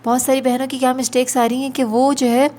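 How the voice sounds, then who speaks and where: A woman gives an online tajweed lesson. She explains pronunciation patiently and drills each letter slowly and clearly. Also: high voice, level tone, darkish tone. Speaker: Quran recitation teacher.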